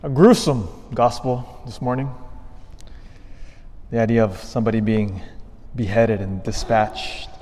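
A male priest with a lowish, slightly mellow voice reads the Gospel and preaches at Mass in a large church. His reading is measured at first, then builds to emphatic, rising stresses. The long reverb of the cathedral carries every word.

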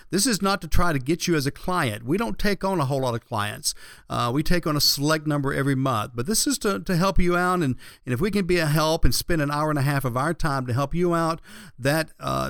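A man's voice: a little high, fairly bright tone, smooth, no echo, clean studio sound. A man hosting a radio show, giving conversational, folksy advice as a financial planner.

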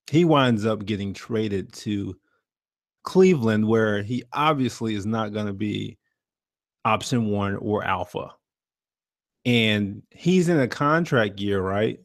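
A man co-hosting a podcast, talking sports in an animated, slangy, joking way. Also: on the low side, dry recording, clean studio sound. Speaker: podcast co-host. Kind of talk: casual chat about sports.

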